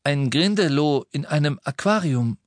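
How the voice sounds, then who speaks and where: A man's voice: fairly high pitch, animated, moderate pace, no echo, voice pushed up, lightly acted. A man voicing a shaken, defiant teenage boy wizard arguing his case. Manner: defiant, agitated pleading.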